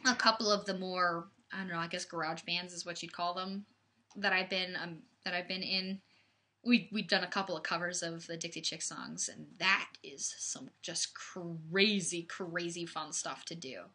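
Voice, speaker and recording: Speaking into a webcam mic at home, this livestream host, a woman in her twenties, talks casually with her viewers in a rambling way, full of fillers and false starts. Her voice sits on the low side, with a sharp tone, fairly even intonation and a moderate pace.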